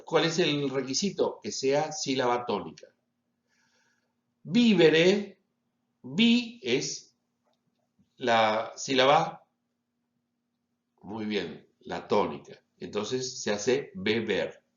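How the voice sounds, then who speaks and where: A man giving a lecture as a teacher, deliberately stressing each example word. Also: mid-range voice, expressive. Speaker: Latin teacher. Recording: roomy, slightly dull recording.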